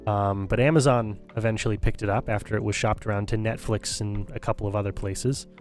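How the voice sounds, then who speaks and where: A man's voice: on the low side, steady tone, a little fast. A man delivers a critical, opinionated rant in the loose style of a live stream. He repeats and restarts phrases as he thinks aloud. Faint background music plays behind his voice. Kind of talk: casual livestream commentary.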